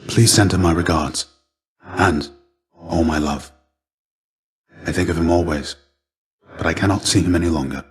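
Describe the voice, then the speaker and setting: Man voicing Achilles, a deep-voiced weary warrior shade. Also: close to an everyday voice. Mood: sorrowful. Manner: measured, formal, archaic phrasing, earnest and fatherly. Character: weary, gentle fallen Greek warrior shade, a fatherly mentor. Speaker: voice actor. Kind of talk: video game character dialogue, measured and theatrical.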